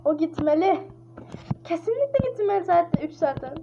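Her very high voice swings widely in pitch at normal speed as she plays a horror game. The gamer's let's-play commentary is casual and panicky, full of exclamations and chatter, on a dull lo-fi mic with clear hiss.

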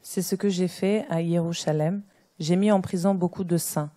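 A woman reading scripture passages aloud in a steady, even manner during a sermon. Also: on the low side, moderate pace. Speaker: scripture reader.

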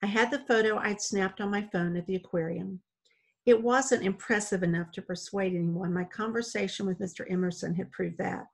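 Gravelly-voiced woman reading a novel. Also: medium pitch. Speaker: audiobook reader. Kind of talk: reading a children's novel aloud.

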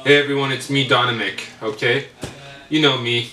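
A man playing a boastful teenage boy in an amateur comedy skit, talking loudly and bragging. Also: medium pitch, fairly even intonation, normal speed, close to an everyday voice. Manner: loud, bragging delivery. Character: boastful teenage boy student, cocky and full of himself. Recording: roomy echo, distant mic, background noise.

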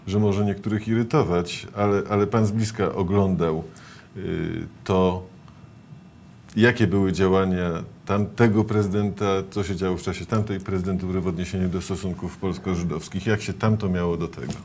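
A middle-aged man hosting a political TV interview in a studio, asking measured, probing questions. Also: sits low, steady tone, a little mellow, slight background noise. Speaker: TV interview host.

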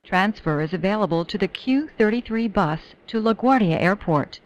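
A woman reading scripted train announcements in a measured, formulaic way. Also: mid-range voice, animated, lo-fi sound. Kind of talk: scripted subway station announcements.

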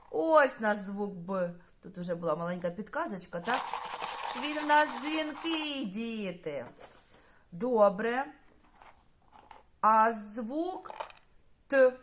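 A woman's voice: fairly high pitch, fairly bright tone. A woman teaching a primary school lesson, speaking patiently and addressing the children directly.

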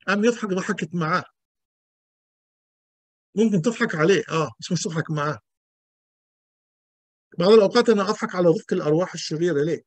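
A man's voice: high voice, dry recording. A male pastor, teaching an emphatic sermon full of rhetorical questions and repetition.

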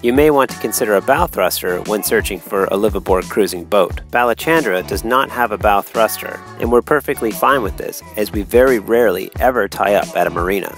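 A man in his thirties giving calm, measured, instructive voice-over narration for a sailing vlog. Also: fairly low pitch, music in the background. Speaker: sailing vlogger.

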